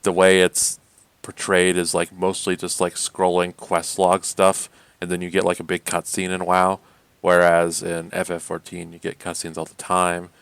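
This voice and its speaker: A man co-hosting a podcast, chatting casually about games in a rambling way, full of fillers and quick laughs. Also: sits low, completely flat delivery, gravelly, a bit bright, clear, resonant tone, no room sound. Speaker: podcast co-host. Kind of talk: casual gaming chat.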